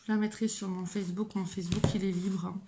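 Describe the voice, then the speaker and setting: Woman medium doing an oracle card reading, creaky gravelly voice, stumbles and restarts a lot, gentle with viewers. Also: mid-range voice, level tone, background noise. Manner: hesitant, halting, with frequent fillers and restarts; gentle, encouraging address to viewers. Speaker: medium and spiritual guide.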